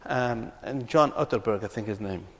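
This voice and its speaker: In a lowish voice at a moderate pace, a man from Palestine gives a speech on reconciliation as a ministry speaker. He narrates earnestly and tends to repeat his words, and the recording carries a long hall reverb.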